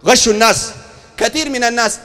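Sudanese man preaching, very high voice, long echo, rapid-fire questions. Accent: Sudanese Arabic. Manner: animated, rhetorical questions to the crowd. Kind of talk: street sermon. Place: outdoor market.

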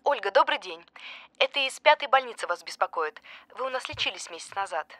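Polite woman hospital clerk, fairly high voice, very quick, dry close sound, audio drama. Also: expressive, pushed and bright, no echo. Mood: businesslike.

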